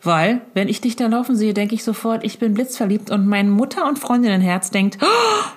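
A woman's voice: mid-range voice, brisk, a little mellow. Effusive, chatty middle-aged woman. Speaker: mother addressing her grown daughter. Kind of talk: casual video message. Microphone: handheld phone.

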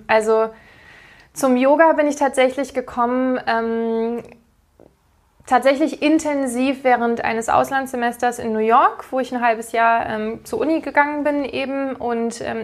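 A woman in her thirties with a fairly high voice, a yoga teacher speaking as a podcast guest. She talks in a friendly, rambling way and fills her pauses with many fillers. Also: fairly even intonation. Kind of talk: podcast interview.

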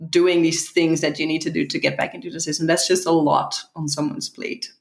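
Low-voiced woman in an echoey room. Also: flat delivery, fairly quick, vocal fry. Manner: thoughtful, repeats words as she thinks, laughs lightly. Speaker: guest. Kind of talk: conversational interview answers.

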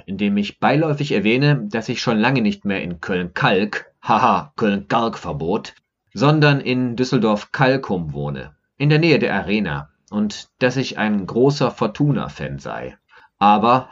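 A man's voice: fairly low pitch, muffled recording. A man from Germany's Rhineland, a podcaster, reading his own personal essay with wry irony. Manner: wry, ironic storytelling. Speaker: podcaster and blogger. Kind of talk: scripted personal essay narration.

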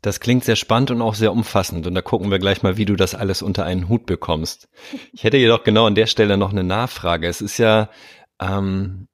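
A man's voice: lowish voice, fairly even intonation, brisk, no echo, studio quality. A man hosting his own podcast, asking long, rambling questions in a friendly way. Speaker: podcast host. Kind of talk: conversational interview.

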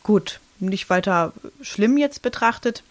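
A podcast co-host in her thirties tells a personal story in casual chat, her medium-pitched voice slow and expressive. She uses many fillers and restarts and acts out what people said.

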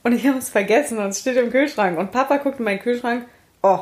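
A woman's voice: fairly high pitch, quick pace. A young woman, co-hosting a podcast and telling stories with frequent laughs. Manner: lively, laughs often, acts out quoted voices. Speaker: podcast co-host. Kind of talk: casual storytelling chat.

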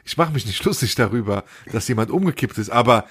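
A man co-hosting a casual podcast, telling a story in slangy, animated talk and acting out the people in it. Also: mid-range voice, fast, breathy edge. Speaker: podcast co-host.

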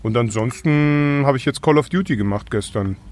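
A man's voice: medium pitch, normal speed, a little mellow, a little hiss or hum. A man who works as a voice actor, chatting casually and laughing often. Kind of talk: casual chat.

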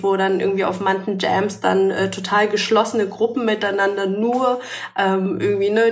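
A woman hosts a relaxed conversation, often pausing and restarting as she hunts for the right word. Her voice sits in a middle register. It sounds roomy and a little far from the microphone. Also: mid-range voice. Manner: searching for words, many fillers and restarts. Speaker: podcast host, acro yoga teacher. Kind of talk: casual conversational interview.

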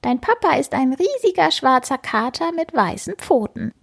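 A woman's voice: sits high, very animated, moderate pace, gravelly, pitched above the performer's own voice, exaggerated voice. Woman doing a friendly rat who knows everything. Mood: reassuring. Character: friendly know-it-all female harbor rat. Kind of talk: children's story reading.

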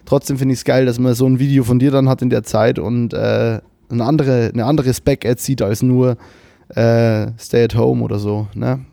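Speaking at a moderate pace, this young adult's medium-pitched voice is steady, warm and creaky, with no room sound behind it. He's a podcast co-host joining remotely from a computer with a webcam. His talk is loose and casual, full of slang, swearing and English words.

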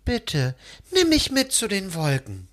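A man voicing a small, childlike star with a high, whiny, begging voice. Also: huge pitch swings, takes it slowly, a bit bright, full character voice. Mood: pleading.

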